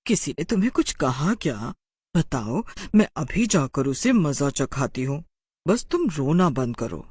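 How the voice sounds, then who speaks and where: A fierce mother witch from a storybook tale, fond of her daughter and quick to threaten anyone who hurts her, as a woman narrator puts her on. Her pitch swoops widely, sitting a little low for a woman. The recording is dry and close. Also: very animated, a little mellow, husky, dry recording, heavily acted. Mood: doting. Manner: doting to her daughter, menacing when angry.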